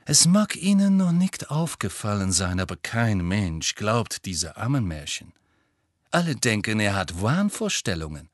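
A man's voice: lowish voice, sing-song, unhurried, no echo, clean studio sound. A man voicing a pushy, scheming middle-aged woman reporter, gushing and prying in a storybook reading. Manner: gushing, prying, dramatic emphasis.

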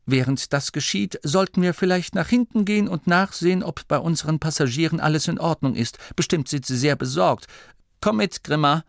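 A man voicing a steady young male gnome leader who speaks in a calm, reassuring way, a little above his own voice. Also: a little high, brisk, creaky, dry recording, studio quality, pitched above the performer's own voice.

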